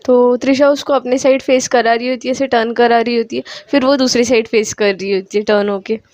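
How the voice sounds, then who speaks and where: A woman's voice: fairly high pitch, steady tone, fairly quick, darkish tone, dry recording, dull audio. A woman casually narrating a love story, chatty and full of asides. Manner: chatty, retelling with many asides.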